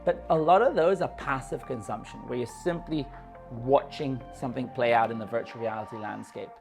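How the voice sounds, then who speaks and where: A man's voice: mid-range voice, a little fast, gravelly. Man, journalism lesson to camera, eager, chatty, faint music underneath. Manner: eager, conversational, talks directly to viewers. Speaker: journalism instructor. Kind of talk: lecture to camera.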